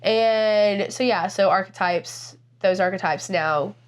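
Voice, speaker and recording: Woman, 30s, podcast co-host, emphatic casual talker, medium pitch. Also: slow pace, clear, resonant tone. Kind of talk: casual chat.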